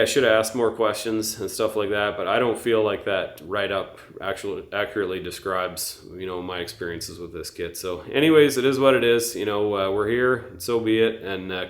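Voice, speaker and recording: A man's voice: on the low side, steady tone, a little fast, few pauses, roomy sound. A man giving a casual, candid truck-build update vlog, hesitant and full of fillers.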